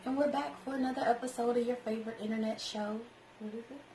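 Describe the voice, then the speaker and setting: A woman's voice: on the high side, steady tone, quick pace, warm tone, a little hiss or hum. A woman co-hosting a casual chat show, introducing the topic and teasing and questioning her partner. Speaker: podcast co-host. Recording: roomy sound with faint music.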